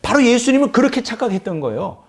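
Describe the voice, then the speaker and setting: A middle-aged man preaching an expository sermon, acting out scenes with sharp swings in his voice. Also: fast, gravelly. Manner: animated, acts out scenes with sharp pitch swings. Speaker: pastor.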